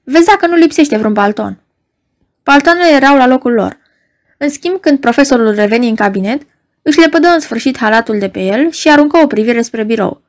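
A woman reading a novel aloud as narrator, in an even, measured storytelling manner. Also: high-pitched. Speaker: audiobook narrator. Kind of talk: scripted narration.

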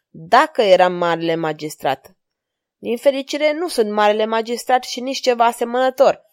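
A woman's voice: medium pitch, close to an everyday voice. Woman voicing a flirtatious courtly king. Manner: courtly, flattering. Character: gallant amorous male king, courtly and flirtatious.

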